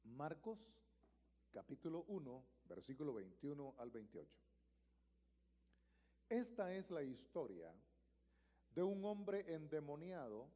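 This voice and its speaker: A male pastor preaching a live sermon in a church, emphatic and repetitive, swelling to loud exclamations. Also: a little high. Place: church sanctuary. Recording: long reverb of a church hall.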